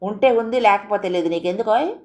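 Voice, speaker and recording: A woman's voice: mid-range voice, fairly quick, darkish tone, highs cut off, natural voice. A woman voicing a cheeky, sulky young village man who whines and talks back. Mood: defiant.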